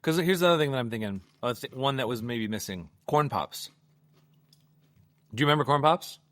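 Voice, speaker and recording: Male podcast co-host, 40s, lively pitch, playful and giggly, casual. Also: brisk. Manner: laughing, playful, swears casually. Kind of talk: casual chat.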